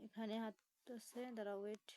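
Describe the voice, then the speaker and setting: Slow, patient woman teacher spelling words. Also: mid-range voice, monotone, warm tone, poor audio. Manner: spells words letter by letter, slow explanations with many fillers. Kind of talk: online lesson explaining a textbook.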